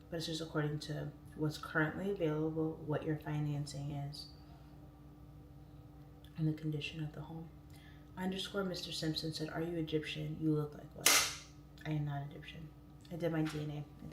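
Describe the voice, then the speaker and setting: A woman in her late thirties chatting casually as a livestream host, her speech slightly impeded by a swollen, newly pierced tongue. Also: low voice. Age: late 30s. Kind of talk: casual livestream chat, reading viewer comments aloud. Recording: roomy echo, distant mic, clear background noise.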